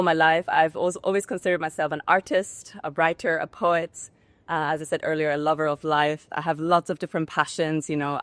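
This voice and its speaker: Deep-voiced woman guest on a call. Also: no room sound. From Spain. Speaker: guest, digital nomad coach. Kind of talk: casual interview. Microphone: video call.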